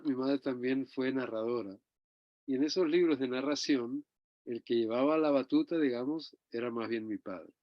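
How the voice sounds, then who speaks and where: An older Chilean man, an interview guest, reminisces in a rambling, warm storytelling style sprinkled with tag questions. His voice is medium in pitch, and the recording is dull and dry.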